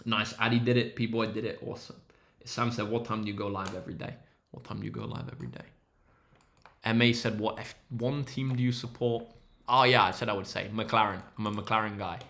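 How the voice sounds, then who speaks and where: A man's voice: lowish voice, steady tone, fairly quick, creaky, fairly bright tone. A young man, a maths tutor hosting a casual livestream, upbeat and encouraging as he reads out viewers' names from the chat.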